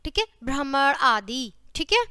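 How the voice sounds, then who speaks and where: A woman's voice: sits high, big pitch swings, normal speed, bright, forceful tone, no echo, studio quality. A woman teacher giving a grammar lesson, reading out words twice each and often checking in with the students. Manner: repeats each word twice, says "ठीक है बच्चा" often.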